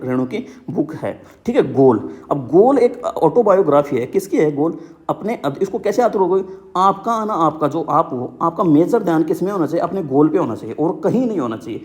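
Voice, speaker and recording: A young man with a fairly high voice and darkish tone runs through book lists for an exam, repeating things in a relaxed way. Memory tricks and frequent "ठीक है" check-ins pepper his teaching.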